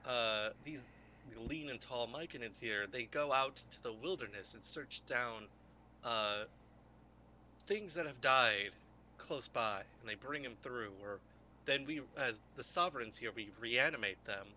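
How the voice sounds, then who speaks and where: A man's voice: mid-range voice, unhurried, pushed and bright, slight background noise, poor audio. A man voicing a courteous male mushroom-folk guide who explains things patiently.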